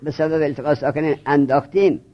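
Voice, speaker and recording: A man's voice: on the high side, fairly even intonation, highs cut off. A man teaching a grammar class, questioning his students and repeating points until they get them.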